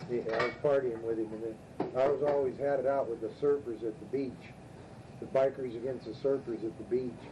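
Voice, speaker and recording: An older man telling rambling, profane stories from his past in a rough, casual way. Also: mid-range voice, fairly even intonation, brisk. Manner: rough, profane, drawling delivery. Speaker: storytelling father. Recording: muffled distant tape recording, faint hiss.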